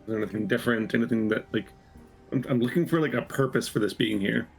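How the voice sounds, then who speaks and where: A man's voice: mid-range voice, fast, vocal fry, breathy edge, soft background music, low-quality recording. A man playing a tabletop game, thinking aloud in a tentative way. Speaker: player.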